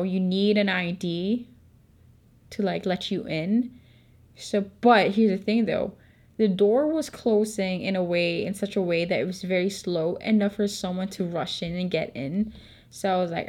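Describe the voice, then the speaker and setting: A woman's voice: medium pitch, a little mellow. Brief: woman, 20s, Filipino accent, candid and profane storytelling vlogger. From Philippines. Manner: swears a lot, chatty and candid. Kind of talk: casual storytelling.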